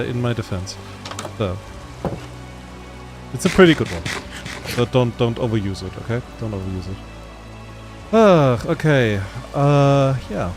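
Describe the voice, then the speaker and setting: A man with a German accent talks to his stream viewers in a slow, unhurried way, his voice sitting at an ordinary middle pitch. He rambles, laid-back and self-deprecating, with quiet music playing faintly in the background. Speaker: game streamer. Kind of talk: casual gaming stream chat.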